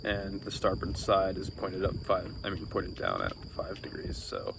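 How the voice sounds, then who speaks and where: A tired young man vlogging from his small sailboat by an island at night, talking slowly and rambling, with fillers and the odd swear. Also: low-pitched, sing-song, vocal fry. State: sleep-deprived. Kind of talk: casual vlog narration. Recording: noisy outdoor phone recording. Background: water, boat sounds and crickets.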